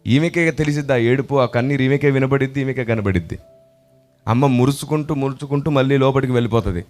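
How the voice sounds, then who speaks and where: A male pastor of middling pitch delivers a sermon full of stories, leaning hard on emphasis and swelling to loud exclamations. He acts out the voices of people in his stories as he goes. Faint music runs underneath him. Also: fast. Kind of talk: sermon with storytelling.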